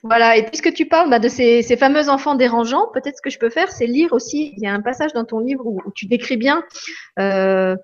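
A woman's voice: on the high side, fairly quick, highs cut off. A woman hosting a live online chat, talking casually with many restarts and repeated words. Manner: hesitant, repeats words, laughs often. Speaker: host of a live meditation broadcast.

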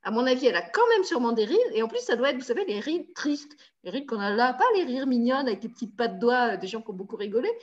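A woman hosting a talk show, telling stories in a lively, exclamatory way. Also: fairly high pitch, quick pace, hardly any pauses, highs cut off. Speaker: show host.

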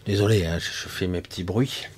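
A man's voice: sits low, fairly even intonation, fairly quick, a little mellow, slight background noise. A man from France giving a rambling, conversational monologue about energy healing, full of asides and restarts, speaking straight to his listeners. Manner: addresses listeners directly, conversational. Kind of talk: casual spoken monologue.

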